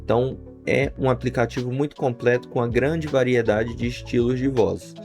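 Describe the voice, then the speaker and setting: Brazilian male reviewer, creaky mid-pitched voice, casual tutorial delivery, light music bed. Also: steady tone, normal speed, darkish tone. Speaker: YouTube software reviewer. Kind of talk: casual scripted-sounding product tutorial. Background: faint guitar music.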